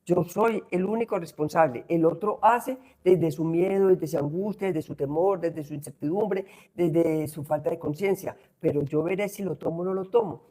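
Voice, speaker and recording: A Colombian woman speaking as a guest, teaching warmly and acting out examples in an animated way. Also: on the low side, moderate pace, hardly any pauses. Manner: animated, acts out examples with raised voice. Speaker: guest speaker on spiritual growth. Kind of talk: reflective conversational teaching.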